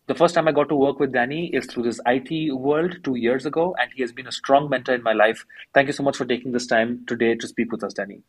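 A man co-hosting a podcast, introducing the guest in a friendly, brisk way. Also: medium pitch, breathy edge, rough recording. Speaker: podcast co-host.

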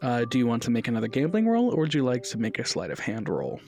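A man narrating a tabletop game as game master in a relaxed, chatty way with many fillers. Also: medium pitch, quick pace, faint music behind.

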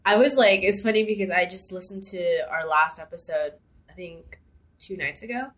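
Chatty young woman, lower voice. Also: normal speed, a bit bright. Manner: rambling, many fillers and restarts. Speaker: podcast co-host. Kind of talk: casual chat.

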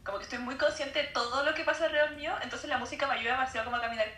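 A young woman chiming in with quick, brief comments in a casual chat. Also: sits high, steady tone, bright, forceful tone, roomy sound.

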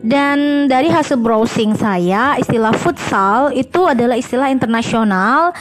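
Higher-voiced woman teacher, patient explanations. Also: expressive, soft background music. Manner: measured, explanatory, with frequent hesitant fillers. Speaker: English teacher and podcast host. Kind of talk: podcast lesson reviewing student recordings.

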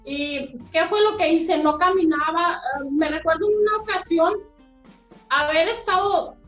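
A woman's voice: very high-pitched, measured pace, a bit bright, faint music behind. A Mexican woman telling her life story earnestly as an interview guest, heard over a remote call. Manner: earnest, emotional retelling. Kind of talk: personal storytelling. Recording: echoey, dull remote call audio.

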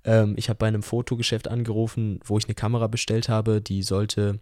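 A man co-hosting a casual podcast, talking calmly and thoughtfully with frequent small fillers. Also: on the low side, brisk, no echo, studio quality. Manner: calm, reflective, with "äh" fillers. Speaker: podcast co-host.

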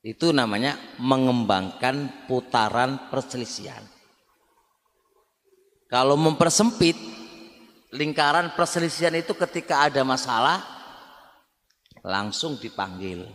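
A man's voice: medium pitch, unhurried, long pauses, fairly bright tone. A man with an East Javanese accent giving an Islamic study lecture in a conversational way, repeating words and often turning to his listeners. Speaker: Islamic religious teacher. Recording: reverberant hall.

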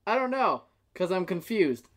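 Young guy on a podcast, laughs a lot, goofy voices, super animated pitch. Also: normal speed. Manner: giggly, does silly voices. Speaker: podcast co-host. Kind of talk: casual chat.

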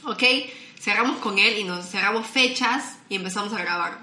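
A Peruvian woman, a food content creator, chatting casually as a podcast guest and telling animated stories with quoted dialogue. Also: medium pitch, normal speed, roomy sound, slight background noise. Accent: Peruvian Spanish. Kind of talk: casual interview chat.

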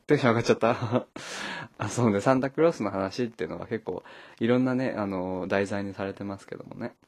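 A man's voice: medium pitch, darkish tone. A man hosting a casual solo podcast from home, rambling with many fillers and laughing often. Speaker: podcast host. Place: at home, wrapped in a blanket.

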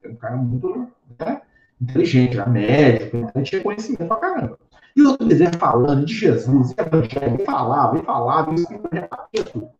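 A man's voice: mid-range voice, very animated, quick pace, crowd noise. A man leading a spiritist study group, teaching in a conversational way and checking in with frequent tag questions. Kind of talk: teaching talk. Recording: roomy, distant, dull sound.

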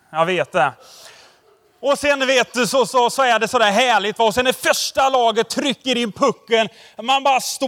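A pastor with a high, slightly bright voice delivers a relaxed, conversational sermon to a congregation in a church hall, and a long reverb tail trails his words. He tells anecdotes, speaks directly to his listeners, and keeps seeking their agreement with tag questions.

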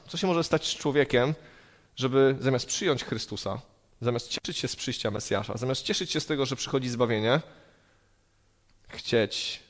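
Earnest male preacher in a reverberant hall. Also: mid-range voice. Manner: earnest, emphatic repetition. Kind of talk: sermon.

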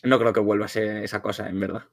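A young man, a guest in a casual chat, telling stories in a relaxed way. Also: on the low side, quick pace. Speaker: guest streamer.

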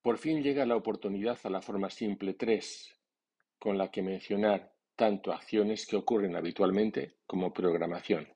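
A man teaching English pronunciation, slowly drilling example sentences one by one and explaining the rules in a measured way. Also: on the low side, warm tone, husky. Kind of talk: slow, deliberate language drill.

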